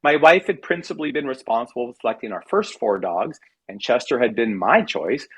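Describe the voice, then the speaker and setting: Reading his own funny personal essay with wry mock drama, a man from California, United States, sounds animated and brisk. His pitch sits in the middle range, with a breathy edge.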